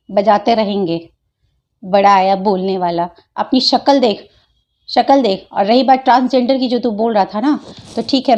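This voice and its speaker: A woman's voice: on the high side, dark tone, dull audio. A woman, taunting and scolding a critic in a home vlog reply.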